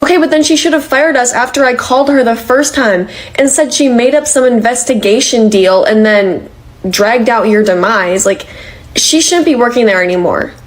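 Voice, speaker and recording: A woman's voice: a little high, normal speed, close to an everyday voice, rough recording. [name], a woman voicing an exasperated young worker. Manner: exasperated, protesting. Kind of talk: animated comedy dialogue.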